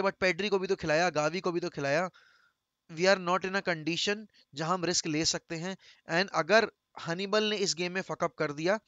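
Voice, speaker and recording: A man's voice: high voice, fairly bright tone, no echo, dull audio. A young man with an Indian accent giving a passionate football preview, switching between Hindi and English and swearing now and then. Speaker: fan channel host. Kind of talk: opinionated football preview monologue.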